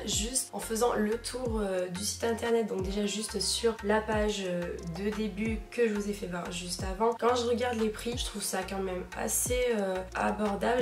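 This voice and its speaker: A woman with a French accent talks like someone with swollen tonsils, sick and sore-throated. She gives an informal, wordy review to camera in an echoing room, with music underneath at a medium pitch. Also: a little mellow. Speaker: YouTube vlogger reviewing products. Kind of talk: casual chatty product review to camera. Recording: roomy echo, music underneath.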